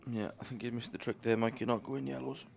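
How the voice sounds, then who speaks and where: A man's voice: medium pitch, fairly even intonation, fast talker, creaky, over music. A man with a Yorkshire accent co-commentating on pool, casual and blunt about which shot to play. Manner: casual, blunt advice on shots.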